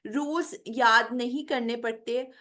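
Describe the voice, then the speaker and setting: A woman's voice: fairly high pitch, fairly even intonation, pushed and bright. A woman teaching pronunciation in an online lecture, explaining patiently and checking in often with her students. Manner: explains slowly, mixing Hindi with careful English, keeps saying "theek hai". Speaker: English teacher. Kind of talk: online spoken English lecture.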